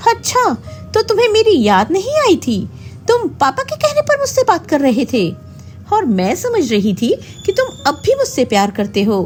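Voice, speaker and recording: A woman voicing a proud, stubborn young wife with a sharp, indignant way of speaking, telling a storybook tale. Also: fairly high pitch, wildly swooping pitch, moderate pace, few pauses, soft background music. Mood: angry.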